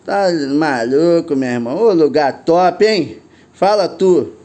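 An older man with a Carioca accent talks fast and loose in casual slang. His voice sits high for a man, and he often breaks into laughs as he calls out to viewers. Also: lively intonation, mellow. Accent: Carioca Portuguese. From Rio de Janeiro, Brazil. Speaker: drone vlogger. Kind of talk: casual vlog narration.

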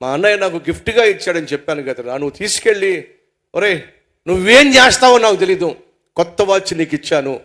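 A male preacher acting out a furious young man who shouts and scolds a friend over a ruined watch. His voice is raised and sharp, and he hammers out his demands. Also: on the high side, animated, fast.

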